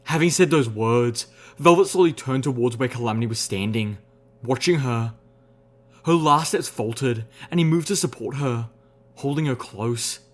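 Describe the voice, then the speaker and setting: A young adult man reading a story aloud as an audiobook narrator, steady and expressive. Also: mid-range voice, normal speed. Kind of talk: scripted narration.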